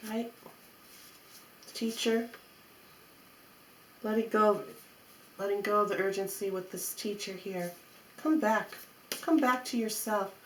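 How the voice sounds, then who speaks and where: A woman giving an off-the-cuff mystical tarot horoscope reading, repeating phrases in a coaxing, reassuring way. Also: mid-range voice. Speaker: tarot reader. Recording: roomy echo, faint background noise.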